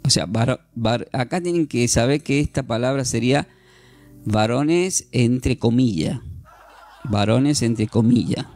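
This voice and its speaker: A man teaching an informal Bible class, animated and jokey, acting out scenes and often restarting. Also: medium pitch, a little slow, soft background music.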